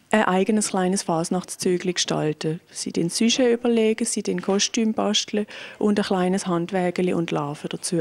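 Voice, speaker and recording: A woman's voice: medium pitch, darkish tone. A woman, a cultural scientist speaking matter-of-factly into a handheld mic in a museum room. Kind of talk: interview statement. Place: indoor museum exhibition room. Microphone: handheld microphone.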